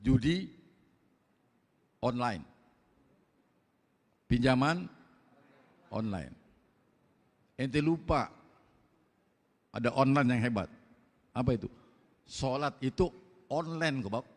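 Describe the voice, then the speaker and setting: An older man with a Betawi accent preaching a blunt, loud mosque sermon in slangy street talk, firing rhetorical questions at the congregation. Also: medium pitch, animated, slow, pauses often. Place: large mosque hall. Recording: long mosque reverb.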